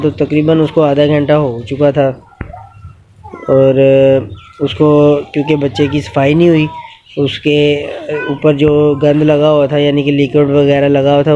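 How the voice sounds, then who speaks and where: A man in a casual instructional vlog, explaining goat care outdoors in an unhurried way with many pauses and fillers. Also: a little high, mellow, lo-fi sound, a little hiss or hum. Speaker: goat keeper and channel host. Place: outdoors in a yard with animals.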